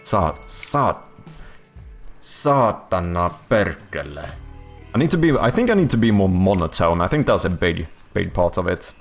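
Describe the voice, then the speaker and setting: Soft music plays under this young Swedish man's deep, sing-song voice as he talks a little slowly during a game development stream. The chat is casual and profane, peppered with swearing, false starts, and plenty of "um" and "like."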